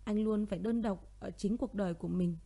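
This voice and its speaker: A woman's voice: medium pitch, brisk, warm tone, natural voice. A woman voicing a heartbroken young pregnant woman who pleads tearfully with her brother and her missing lover, in a narrated audio story. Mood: pleading.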